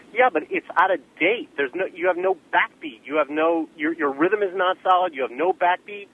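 A man's voice: high-pitched, moderate pace. A man calling in over the telephone from his car, a percussionist who bluntly and scornfully grills the guest with questions. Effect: heard over a telephone line from a car. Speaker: radio caller, trained percussionist. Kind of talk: combative call-in argument. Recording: narrow phone line with faint hiss.

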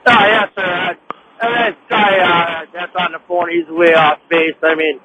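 A male caller phoning in from his truck on the road, his voice breaking up on a bad line and his speech hesitant and halting. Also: high voice, fairly even intonation. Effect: breaking-up phone line. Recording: crackly distant phone line, loud noise.

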